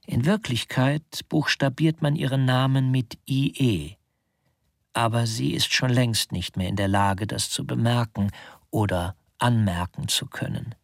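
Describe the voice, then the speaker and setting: A man reading literary narration in a slow, deliberate way, often sinking into a whisper. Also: mid-range voice, vocal fry, dry recording, clean studio sound.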